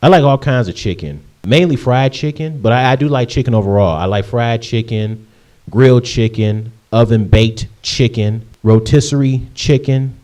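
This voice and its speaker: A man from Michigan, late twenties, chats through viewer questions in a casual vlog at normal speed. His mid-range voice is slightly mellow, and his rambling answers are peppered with ums and restarts.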